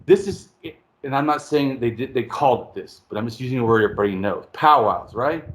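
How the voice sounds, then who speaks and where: A man hosting a casual conversation, explaining at length in a rambling, animated way and swearing freely. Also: mid-range voice, brisk. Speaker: podcast host.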